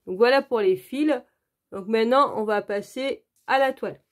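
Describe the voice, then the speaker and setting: Woman, crafting channel host, casual unboxing chat, slightly high pitch, filler-heavy, speaks to viewers. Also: normal speed. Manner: chatty, repeats "donc, euh" and "franchement", addresses viewers directly.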